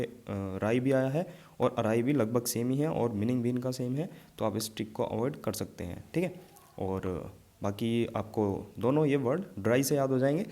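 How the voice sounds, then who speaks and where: A man's voice: medium pitch, warm tone. A man teaching an exam vocabulary lesson, explaining memory tricks and checking in often with his students.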